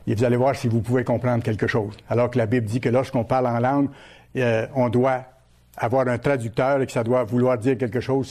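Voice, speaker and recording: Measured man preaching. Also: mid-range voice, a little mellow. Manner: measured, explanatory, with frequent hesitations. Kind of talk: sermon-style commentary.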